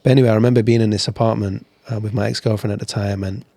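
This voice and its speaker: A man's voice: fairly low pitch, fairly even intonation, racing, gravelly, warm tone, no echo. A man talking candidly as a podcast guest, telling his story in a chatty way with frequent restarts. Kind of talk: casual interview storytelling.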